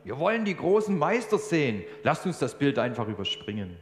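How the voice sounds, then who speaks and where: A man voicing an impatient male bidder who loudly demands to see the masterpieces. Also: on the high side, sing-song, fairly quick. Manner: protesting, demanding. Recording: echoey hall, faint hum.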